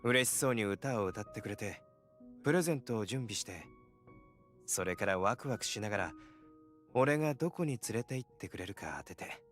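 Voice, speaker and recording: An actor playing a tender young man who acts as a protective older brother, speaking gently and affectionately in a game scene. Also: on the low side, expressive, very fast, faint music behind. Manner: gentle, affectionate, quietly teasing. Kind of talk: game voice acting.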